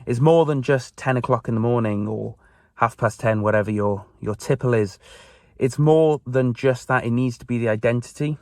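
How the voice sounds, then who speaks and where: Sitting in his parked car, a young church member from Wales in his twenties talks earnestly to camera about his faith, in the Welsh accent of a native Welsh speaker. His voice is medium-pitched and somewhat dark, at a normal speed. The sound is dry and studio-clean.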